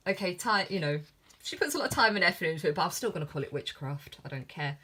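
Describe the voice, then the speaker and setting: A woman's voice: fairly low pitch, expressive, fast talker, sharp tone, breathy edge. A woman with a lisp talking casually and hesitantly through a sketchbook as an artist, in a giggly, self-deprecating way. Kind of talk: casual vlog commentary. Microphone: filmed on iPhone.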